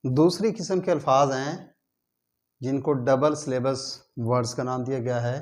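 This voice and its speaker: A man teaching a grammar lesson, speaking slowly and deliberately and spelling words out letter by letter. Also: medium pitch, fairly even intonation, a little mellow. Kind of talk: grammar lesson explaining in Urdu-flavored Hindi.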